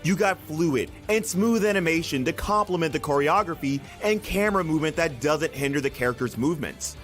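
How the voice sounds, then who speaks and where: A man with a slightly high voice delivers scripted countdown narration. His pitch moves around in a lively way from phrase to phrase, and music plays clearly behind him. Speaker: narrator of an anime countdown video.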